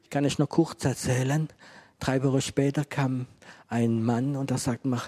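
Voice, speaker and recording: A man's voice: medium pitch, fairly even intonation, moderate pace, warm tone. A middle-aged man preaching and telling a testimony to a live audience, acting out dialogue as he goes. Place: room with a gathered audience.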